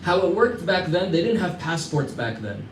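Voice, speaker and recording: American male teacher, casual storyteller who quizzes the class, slightly high voice, recorded from a distance. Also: sing-song, normal speed. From United States. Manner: conversational, quizzes listeners, chuckles through anecdotes. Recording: echoey room, mic far off, faint background hum.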